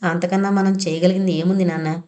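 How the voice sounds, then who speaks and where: A woman voicing a gentle young daughter who soothes her father in a soft, consoling way. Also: on the low side, flat delivery, fast talker, natural voice.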